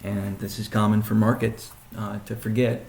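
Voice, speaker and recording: On the low side with a level, darkish tone and vocal fry, a man speaks as chief executive during his weekly conference call Q&A. He answers haltingly and deliberately, pausing and restating, in an echoey, roomy recording with a little hiss or hum.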